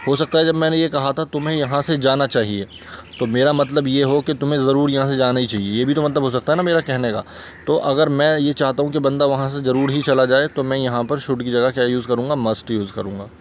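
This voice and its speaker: A man with a Hindustani accent explains grammar in a steady, patient way, often pausing to check understanding. His voice sits at a middle pitch. A faint hum of background noise sits under the recording. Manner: patient, repeats examples, asks checking questions. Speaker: English teacher.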